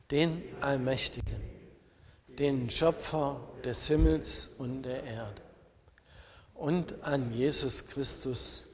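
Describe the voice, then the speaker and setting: A middle-aged man from Germany, leading the creed and preaching in a measured, solemn manner during a church service. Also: medium pitch. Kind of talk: church liturgy and sermon. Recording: long church reverb.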